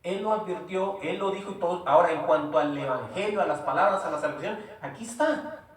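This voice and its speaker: A man's voice: high-pitched, a little fast. A man preaching a sermon in a church, emphatic and repetitive, often asking rhetorical questions. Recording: very echoey room, voice from far off.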